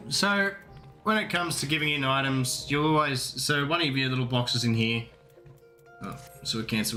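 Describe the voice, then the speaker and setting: Sex: man. Role: game streamer. Style: playthrough commentary. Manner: casual, rambling, self-correcting. Timbre: bright. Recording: faint background music. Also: mid-range voice.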